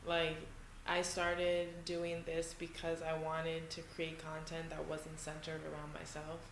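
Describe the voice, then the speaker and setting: A woman's voice: sits low, completely flat delivery, a little slow, noisy background. A woman from New York hosting a casual podcast interview in someone's living room, chatty and full of fillers. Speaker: podcast host. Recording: echoey room.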